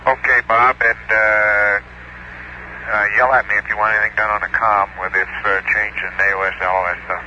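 A man reports from orbit over a breaking-up space radio channel, brisk and matter-of-fact. His voice is bright and sharp, squeezed through a muffled, narrow band with faint hiss underneath. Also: on the low side, flat delivery. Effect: crackly space radio transmission. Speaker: astronaut in orbit. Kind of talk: air-to-ground radio exchange.

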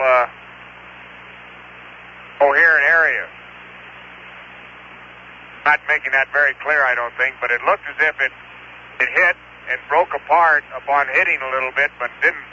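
Halting man on a hissy radio link. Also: medium pitch, sharp tone. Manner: halting and hesitant, many fillers and restarts. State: talking while eating. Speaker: field geologist reporting over radio. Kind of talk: live radio exchange, thinking aloud. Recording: muffled radio transmission with hiss.

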